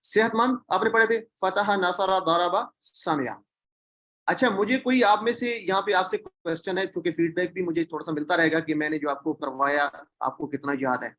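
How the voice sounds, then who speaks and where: A man's voice: high voice, a bit bright. A man teaching an online Quran lesson, asking the class questions and repeating key words.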